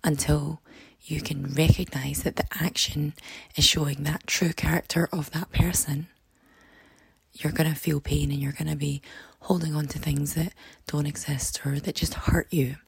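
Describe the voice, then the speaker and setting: Podcast host, female: very husky, croaky frog voice, gravelly and hoarse, earnest self-help delivery. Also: sits low, flat delivery, normal speed, dry recording. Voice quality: croaky, froggy voice. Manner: earnest, reassuring advice-giving. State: hoarse, voice partly lost.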